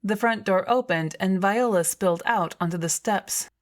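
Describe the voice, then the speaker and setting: A woman's voice: mid-range voice, moderate pace. A woman reading scripted first-person story narration as an audiobook narrator.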